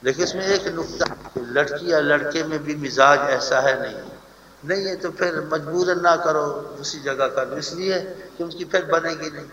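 A man's voice: fairly high pitch, muffled recording. A man giving an informal religious talk, earnestly advising his listeners and repeating his points. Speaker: religious teacher. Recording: echoey room, distant mic, hiss.

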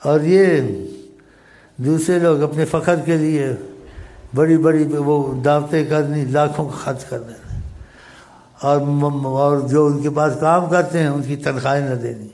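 A man's voice: a little high, fairly even intonation, darkish tone. A man giving an informal religious talk, telling stories in a chiding, conversational way. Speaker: preacher.

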